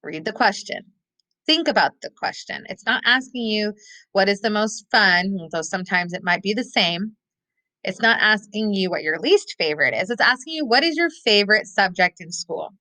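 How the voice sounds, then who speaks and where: A woman teacher giving a recorded lesson, thinking aloud step by step and slowing down to stress key words. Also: medium pitch, sharp tone, dry recording, rough recording. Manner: models thinking aloud, slows to stress keywords.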